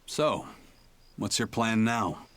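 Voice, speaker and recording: An actor playing a stern, gruff and resolute captain in a video game. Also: male voice, on the low side, lively intonation, slow, a bit bright. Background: game music.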